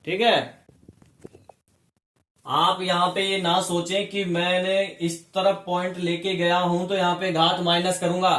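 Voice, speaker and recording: A man's voice: high voice, a bit bright. A male chemistry teacher giving a classroom lesson, explaining step by step and often asking his students questions. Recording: echoey room.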